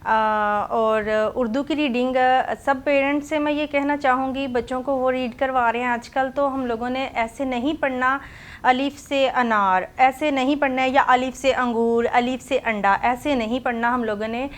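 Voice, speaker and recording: Slow, high-voiced woman teaching small children. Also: fairly even intonation. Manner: slow, drawn-out repetition of letter sounds, mixing in English words. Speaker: playgroup teacher. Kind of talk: online phonics lesson for small children.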